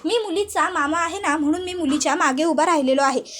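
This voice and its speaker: A woman's voice: very high voice, brisk, a bit bright, a little hiss or hum. Woman reading as a teasing police constable. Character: joking middle-aged male police constable.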